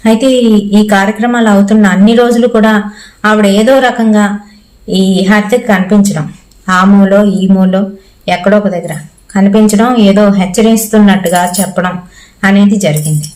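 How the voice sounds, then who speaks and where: A woman's voice: mid-range voice, steady tone, moderate pace, a little mellow, low-quality recording. Woman telling a horror story, chatty. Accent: Telugu. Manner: conversational, acts out quoted lines in her own voice. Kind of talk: casual storytelling narration.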